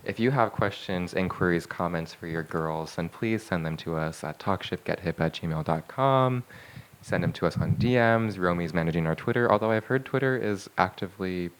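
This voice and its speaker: A man's voice: low-pitched, moderate pace. A man co-hosting a podcast in casual chat, rambling and chatty with lots of fillers. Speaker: podcast co-host.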